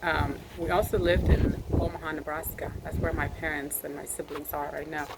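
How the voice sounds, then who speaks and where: A nurse and army veteran from South Sudan, a woman in her thirties, shares her story in a personal address to camera outdoors. She speaks earnestly and measuredly, repeating phrases for emphasis. Her low, gravelly voice is flatly delivered, and the noisy recording carries wind.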